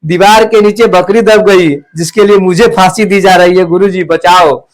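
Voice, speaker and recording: A man voicing a frightened young male disciple who pleads and wails to be saved, read slowly. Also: sits high, steady tone, lightly acted. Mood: pleading. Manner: wailing, pleading.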